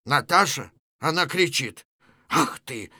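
A man reading a play aloud, voicing an old wanderer who talks in a gentle, folksy way. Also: fairly high pitch, animated, slow, dry recording, clean studio sound, heavily acted. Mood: alarmed. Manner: soft, folksy.

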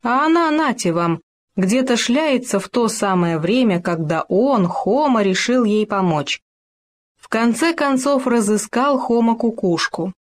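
A woman's voice: fairly high pitch, animated, a little slow. A woman reading a fable expressively. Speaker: narrator. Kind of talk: reading a children's fable aloud.

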